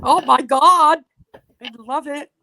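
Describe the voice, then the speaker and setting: A woman's voice: high-pitched, slow pace, vocal fry, sharp tone. A woman co-hosting a casual reseller livestream chat, effusive and emotional.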